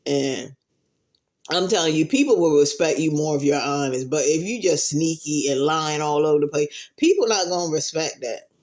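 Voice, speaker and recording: A man chatting casually to viewers while he eats, giving earnest advice with pauses between phrases. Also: on the high side, a little mellow. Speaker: mukbang vlogger.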